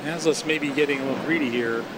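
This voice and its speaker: Higher-voiced man commentating over loud noise. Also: fast talker. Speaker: live stream curling commentator. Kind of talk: live sports commentary. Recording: very noisy, loud ambient machinery-like rumble.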